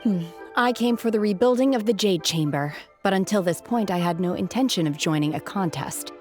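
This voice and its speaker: A woman playing Shenhe, an aloof, blunt young mountain hermit, speaking in a solemn, measured, formal manner in a video game cutscene. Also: mid-range voice, animated, darkish tone, faint music behind, lightly acted. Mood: reserved, polite.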